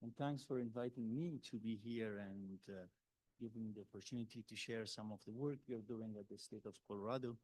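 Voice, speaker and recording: A man from Afghanistan, a public health policy advisor, speaking on a panel with many pauses and filler sounds. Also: fairly low pitch, a little mellow, rough recording. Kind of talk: panel talk. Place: exhibit hall panel.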